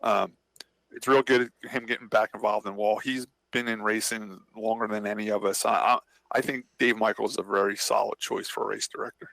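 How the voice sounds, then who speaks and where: A low, gravelly male voice in loose conversational chat. He rambles and gets animated as he tells a story. The sound is close and dry, with no room around it. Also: brisk, dry recording, low-quality recording. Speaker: podcast co-host and racer. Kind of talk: casual chat.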